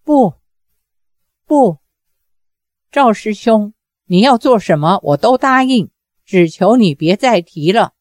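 A woman voicing an anguished young male Taoist who pleads with his tormentor, lowering her voice for him. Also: expressive, takes it slowly, long pauses, a little mellow, dry recording, clean studio sound. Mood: desperate. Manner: desperate, begging, low-voiced.

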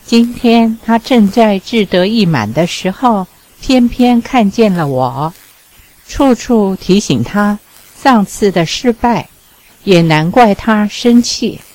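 A woman's voice: medium pitch, lively intonation, slow, a little mellow, low-quality recording. Woman reading as a teasing young charmer. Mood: coaxing. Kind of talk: audiobook reading.

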